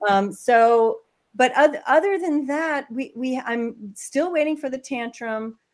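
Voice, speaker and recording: A woman guest on a podcast, chatting casually and telling animated stories about her kids. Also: high-pitched, slow pace. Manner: animated storyteller, acts out voices. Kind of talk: casual chat.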